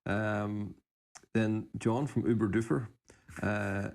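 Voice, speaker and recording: A man's voice: lowish voice, steady tone, slow, darkish tone. A man co-hosting a podcast, reading out listener suggestions and adding brief, informal remarks in casual unscripted chat. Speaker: podcast co-host.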